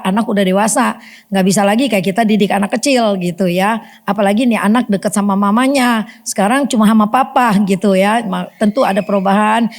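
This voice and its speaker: A middle-aged woman giving a personal testimony at a church fellowship meeting, telling her story in an animated way with emphatic outbursts. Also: mid-range voice, vocal fry.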